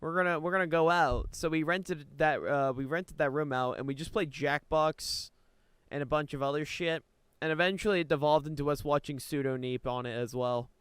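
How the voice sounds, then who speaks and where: A young man leading a loose podcast conversation, often laughing and restarting his sentences. His voice is very smooth and clean, a touch higher than usual, and it sits dry and close with no room sound. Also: moderate pace, fairly bright tone, dry recording. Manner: laughs often, stumbles and repeats words. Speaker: podcast host. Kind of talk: casual chat.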